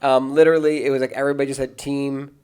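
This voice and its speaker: Rambling, laughing storytelling pastor. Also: male voice, mid-range voice, flat delivery, racing, darkish tone, smooth. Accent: American. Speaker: podcast host, pastor. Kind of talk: casual storytelling chat.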